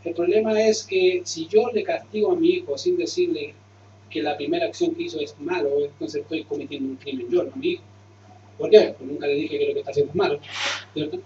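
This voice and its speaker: A male pastor preaches in a relaxed, conversational way, keeps asking questions and answering them himself, and speaks a bit high for a man. He sounds set back from the mic in a roomy hall. The sound is muffled, with faint ambience behind him. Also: a little fast, recorded from a distance, slight background noise. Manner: conversational, asks and answers his own questions. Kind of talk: sermon with closing prayer.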